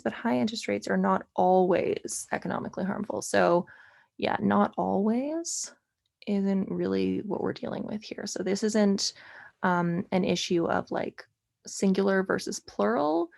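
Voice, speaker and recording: Woman tutor thinking aloud, slightly gravelly. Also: medium pitch, moderate pace, a little mellow. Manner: thinking aloud with many fillers, dry sarcasm. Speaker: LSAT tutor. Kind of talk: explaining logic questions.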